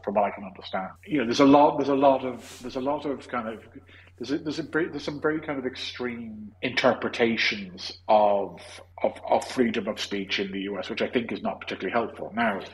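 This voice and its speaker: A man's voice: lowish voice, slight background noise, rough recording. An Irish man hosting a casual podcast discussion, opinionated and rambling, restarting his sentences often. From Ireland. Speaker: podcast host.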